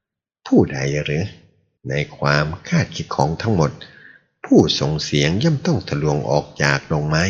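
A man narrating a martial arts novel as an audiobook reader, in a steady storyteller's read. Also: very deep voice, moderate pace, slightly rough. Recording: dull lo-fi audio.

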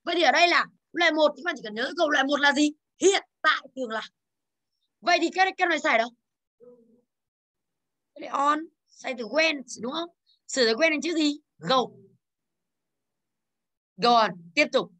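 A woman in her thirties from Vietnam, teaching English in a classroom with a high, bright voice. She moves briskly through exercises, calling on students by name and drilling their pronunciation.

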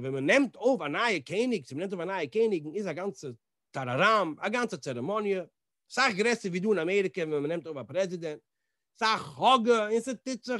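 A man teaching a Torah class as a rabbi, telling the story in an animated way, acting out the dialogue and mixing in English words. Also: sits high, dry recording, clean studio sound. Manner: animated, acts out the dialogue in different voices.

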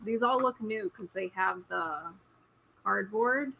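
Slow, bright-voiced woman co-host. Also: medium pitch, gravelly, rough recording. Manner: unhurried, counts items aloud, laughs often. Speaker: co-host showing and counting items. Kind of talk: casual live auction chat.

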